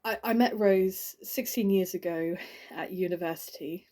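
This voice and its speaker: An actress playing a grieving woman delivering a eulogy for her friend, halting and stammering with many restarts, in an audition monologue. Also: mid-range voice, dark tone, natural voice. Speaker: actor.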